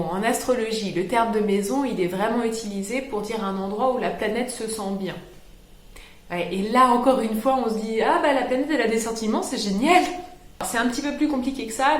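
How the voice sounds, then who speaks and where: A woman's voice: a little high, echoey room. A woman hosting a casual astrology lesson, explaining with playful rhetorical questions and ironic asides. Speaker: astrology channel host.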